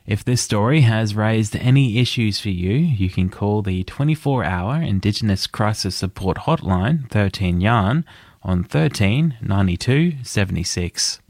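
A man with an Australian accent reading the news in a steady, measured way from a studio. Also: on the low side, dry recording. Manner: steady measured newsreader delivery. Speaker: news presenter.

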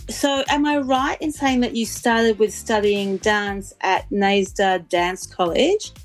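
A woman hosting an interview, introducing her guest with enthusiasm and asking halting questions. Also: mid-range voice, fairly even intonation, faint music behind. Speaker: host.

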